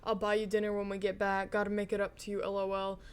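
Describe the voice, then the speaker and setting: A woman's voice: medium pitch, completely flat delivery, quick pace, smooth. A young woman co-hosting a casual podcast, giggling as she reads text messages aloud and calls out each emoji. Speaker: podcast co-host. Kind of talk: casual podcast chat, reading posts aloud.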